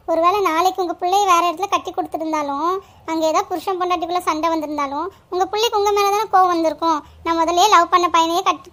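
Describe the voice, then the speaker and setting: A sharp-tongued cartoon village woman, who scolds and lectures bluntly. Her voice is very high, and she talks quickly. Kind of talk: cartoon voice acting.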